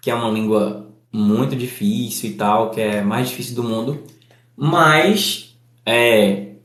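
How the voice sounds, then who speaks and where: Northeastern Brazilian male teacher, deliberate explainer, slow delivery, mid-pitched. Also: fairly bright tone, roomy sound. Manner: slow, deliberate, spells out examples. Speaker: language teacher. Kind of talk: explanatory lesson.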